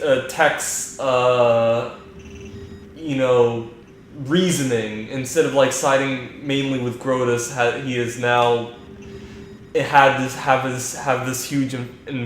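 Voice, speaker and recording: A man's voice: medium pitch, fairly bright tone. Young male gamer commenting, rambling and crude, in a very echoey room. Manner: rambling, filler-heavy, crude. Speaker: let's play commentator. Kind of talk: casual gaming commentary. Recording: very echoey room, faint noise.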